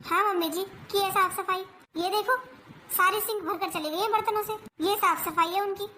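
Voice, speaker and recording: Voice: very high voice, steady tone, moderate pace, bright, forceful tone, a little hiss or hum. A performer doing a whiny young daughter-in-law. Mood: arguing. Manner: argumentative, whiny pleading. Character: overworked young daughter-in-law, sulky and quick to argue. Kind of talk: family comedy skit.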